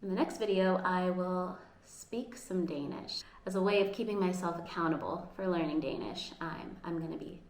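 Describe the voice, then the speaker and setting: This home vlog features an American woman on the low side, talking at a moderate pace with hardly any pauses. She comes across earnest and upbeat, now and then restarting a sentence, and the room is echoey with faint ambience.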